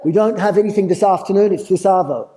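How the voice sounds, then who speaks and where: A man's voice: sits high, quick pace, mellow, poor audio. An Australian man giving a playful live talk at a festival, putting questions to the audience. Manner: engaging, asks the crowd questions, playful. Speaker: festival presenter.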